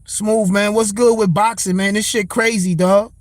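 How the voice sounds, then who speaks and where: Man, young, high-pitched, dry close sound, blunt profane livestream rant. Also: fairly even intonation, normal speed, no room sound. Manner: profane, blunt, rants and answers chat. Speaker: livestream host. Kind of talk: casual boxing talk livestream.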